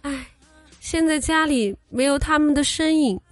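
Her voice sits high and moves at a measured pace over a dry recording. Hosting a comedy podcast, this young woman animatedly spins jokes and stories, teasing as she voices the characters she quotes.

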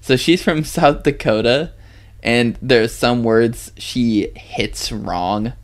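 A young man trading blunt, profane opinions on a casual podcast. His voice sits at an ordinary middle pitch, and he breaks into laughter often. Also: slow. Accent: Pacific Northwest. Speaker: podcast co-host. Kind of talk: casual chat.

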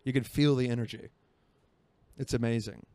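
Recording at home beside a marina, a Florida podcaster in his twenties rambles through a solo episode, cheerfully mocking himself. His medium-pitched voice is steady and somewhat dark, moving at a moderate pace with no echo in the sound.

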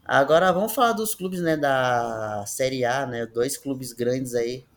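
A man speaks in a Brazilian Portuguese accent at a middling pitch. He hosts a casual football discussion. His talk is informal and slangy, like a chat among friends. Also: a little slow. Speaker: football podcast host.

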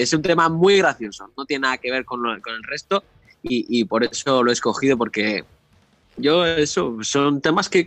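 A man's voice: mid-range voice, a bit bright, no echo. A man co-hosting a music podcast, rambling with restarts and teasing his friends. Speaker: podcast co-host. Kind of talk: casual chat about music.

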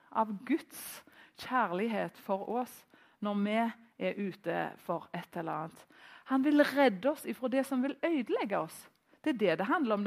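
A middle-aged Norwegian woman preaching in church, telling a personal story in a relaxed, conversational way with pauses and fillers. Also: a little high.

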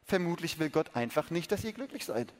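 A man voicing a sly, cunning serpent that tempts in a low, hushed and slow voice, read from a children's storybook. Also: big pitch swings. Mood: coaxing whisper. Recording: long reverb of a large hall.

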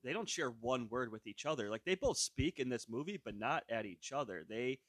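A man's voice: mid-range voice, lively intonation, fairly quick, fairly bright tone, no echo, clean studio sound. A man co-hosting a podcast, recapping a film in casual chat with many "like"s and stalls. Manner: recapping a film, filled with "like" and hesitations. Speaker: podcast co-host.

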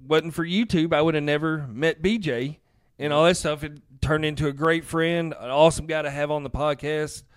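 A man's voice: a little high, fairly even intonation, moderate pace, few pauses, smooth. A man with a Southern US accent co-hosting a casual podcast in a self-deprecating, joking way. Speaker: podcast co-host.

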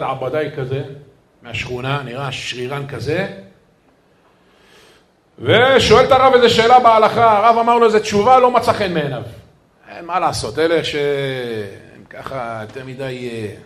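A rabbi preaching with a somewhat high voice. He tells his stories with animated energy and keeps turning to the crowd to pull them in. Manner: lively storytelling, addressing the crowd as "guys". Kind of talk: sermon with stories.

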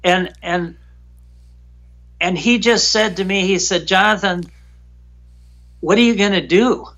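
A man guest recounting a frightening personal story in an emotional, halting way, often repeating himself. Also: sits high, fairly bright tone.

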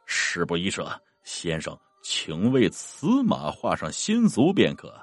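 A man voicing a cold, stern male ghost general from the underworld who speaks slowly and gravely. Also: low-pitched, huge pitch swings, no room sound, faint music behind, voice pushed down, exaggerated voice. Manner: slow, grave and commanding.

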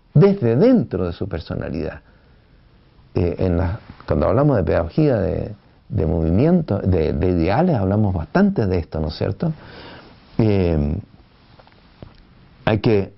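Slow, gravelly male lecturer. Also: on the low side. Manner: unhurried, frequent "eh" and tag questions. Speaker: lecturer on education. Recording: dull lo-fi recording.

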